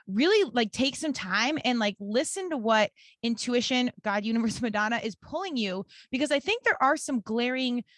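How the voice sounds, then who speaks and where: Talking earnestly on her casual podcast, this host in her early forties fills her chatter with "like." Her voice sits on the high side, expressive and fairly bright, at a moderate pace, with studio quality and no room sound.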